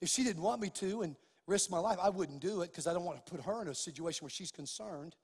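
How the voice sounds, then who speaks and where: A man with a husky, unusually high voice preaches a sermon, telling stories and rising to forceful declarations. His voice carries a long reverb through a large church hall. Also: fast. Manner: animated storytelling preacher, rising to loud emphatic declarations. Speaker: pastor.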